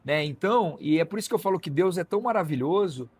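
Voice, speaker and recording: A man's voice: fairly high pitch, lively intonation, fast, a little mellow, breathy edge. A man, a physician guest telling a personal story in conversation and acting out the dialogue. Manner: storytelling, acts out quoted dialogue, frequent "né?" tags.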